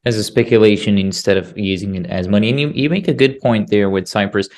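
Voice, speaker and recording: A young man from Bulgaria hosting an interview, telling a story in an animated way on a podcast mic. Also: lowish voice, fast talker. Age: young adult. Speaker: podcast host. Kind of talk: interview conversation. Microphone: podcast mic on boom arm.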